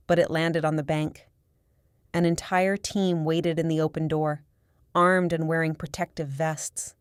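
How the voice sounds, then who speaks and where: A woman reads a first-person audiobook in a steady, measured way. Her voice is low and smooth, with a clean, resonant tone. It is recorded close and dry, with no room sound. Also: dry recording. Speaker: audiobook narrator.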